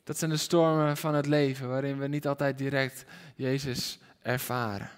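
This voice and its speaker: A man preaching a sermon to a congregation in a hall, animated and questioning his listeners directly. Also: medium pitch, moderate pace, clean tone. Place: church hall with congregation and livestream. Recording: reverberant hall.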